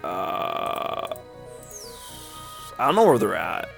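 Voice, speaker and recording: A man talks through a video game in a loose, rambling way and fills his sentences with "like". His voice is gravelly, and his pitch jumps around a lot. Faint game music plays behind him. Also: wildly swooping pitch, drawn-out words, fairly bright tone. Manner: rambling, filler-heavy, frequent "like". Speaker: let's play YouTuber. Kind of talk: casual gameplay commentary.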